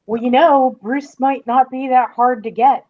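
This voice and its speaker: A woman who writes for a fan site joins a podcast as a guest, sharing news in a casual, chatty way. Her voice is high, unhurried and fairly even in intonation, and the online-call audio sounds slightly dull.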